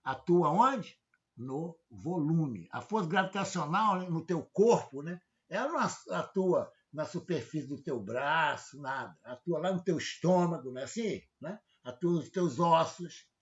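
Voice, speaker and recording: A man's voice: a little high, animated, a little slow. A male professor, giving an informal lecture, constantly checking in with rhetorical questions. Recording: dull lo-fi audio.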